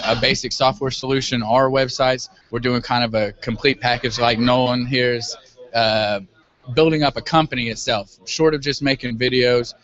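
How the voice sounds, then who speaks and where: A man's voice: medium pitch, fairly bright tone. A man speaking as an interview guest, explaining his business field in an earnest, somewhat hesitant, casual way. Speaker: guest, web business owner. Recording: dull, lo-fi audio.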